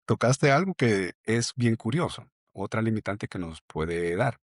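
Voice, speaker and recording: Guy hosting a sales podcast, low voice, dry close mic, thoughtful questions. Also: animated, measured pace, dry recording. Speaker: podcast host. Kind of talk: interview questions.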